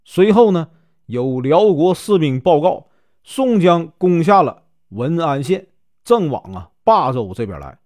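Lively storytelling man, filler-dotted. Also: on the high side, measured pace, no room sound, studio quality. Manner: sprinkles filler particles between phrases. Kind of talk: casual storytelling of a classic novel.

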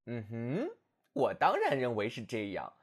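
Man doing a vain sneering hare, husky, storybook gentleman airs. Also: mid-range voice, huge pitch swings, measured pace, heavily acted. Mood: boastful. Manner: haughty, sneering. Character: arrogant male hare, vain self-styled gentleman. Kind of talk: storybook narration.

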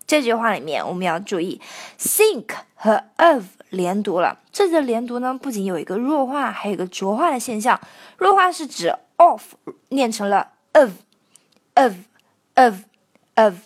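A young woman teaching the pronunciation of a song line by line, explaining each sound and then singing short phrases slowly to show it. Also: fairly high pitch, sing-song.

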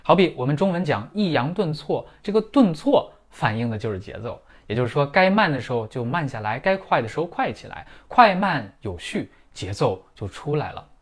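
A middle-aged man, a native Chinese speaker, teaching German pronunciation in a clear, methodical lesson full of everyday comparisons. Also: a little high, very animated, normal speed, hardly any pauses. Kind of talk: scripted lesson in Mandarin.

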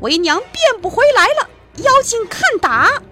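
A woman's voice: extremely high pitch, big pitch swings, measured pace, pushed and bright, voice pushed up, full character voice. A woman voicing a brash, boastful young male monkey king hero in a children's storybook. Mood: gloating. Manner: brash, commanding.

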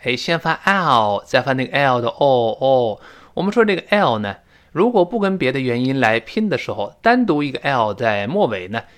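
A male English teacher lecturing in a chatty classroom manner. His pitch swings widely as he explains. He slows right down to drag out each word he demonstrates. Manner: animated, drawn-out demonstrations of pronunciation. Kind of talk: spoken-English lesson lecture.

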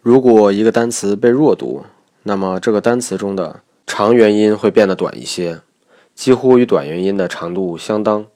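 A man with a very low voice narrates a recorded language lesson. He explains each point step by step in a measured, methodical way. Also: mellow. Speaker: English pronunciation teacher.

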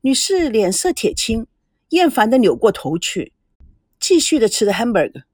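A woman narrating an audiobook in an expressive storytelling manner. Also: fairly high pitch, normal speed, dry recording, clean studio sound.

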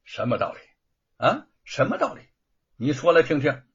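A man's voice: fairly high pitch, huge pitch swings, moderate pace, gravelly, slightly rough, exaggerated voice. A male storyteller voicing a proud, defiant scholar who answers with ringing scorn. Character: defiant proud scholar, middle-aged man. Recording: dull lo-fi recording.

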